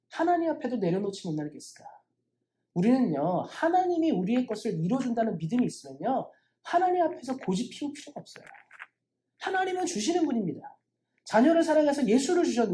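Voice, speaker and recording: Woman pastor preaching quick, mellow voice, lots of questions to the church, bit of noise behind. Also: mid-range voice. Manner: rhetorical questions to the congregation. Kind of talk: sermon.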